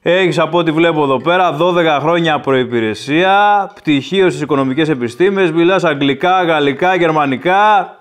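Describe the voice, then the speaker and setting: A man's voice: fairly high pitch, close to an everyday voice. A man playing a smug, exploitative boss. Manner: fast-talking, patronizing, falsely friendly. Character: slick, exploitative male employer, smugly cheerful. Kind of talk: comedy sketch.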